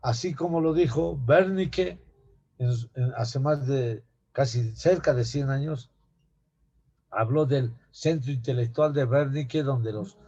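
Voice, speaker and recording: A man's voice: medium pitch, mellow, slightly rough. A man giving an anatomy lecture to students, often asking rhetorical questions and calling them "young people.". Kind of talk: classroom lecture. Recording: dull lo-fi classroom recording.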